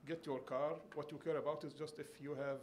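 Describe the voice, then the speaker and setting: A man's voice: fairly high pitch, level tone, brisk, a little hiss or hum. Man from Bethlehem telling a story. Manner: earnest storytelling with light humor. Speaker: conference panelist. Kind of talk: personal story at a panel.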